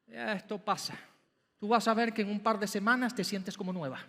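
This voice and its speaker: A man voicing a gentle, soothing man who consoles a grieving woman in a hushed, coaxing way, in a long church reverb. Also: sits high, fairly even intonation, a little fast, pitched below the performer's own voice.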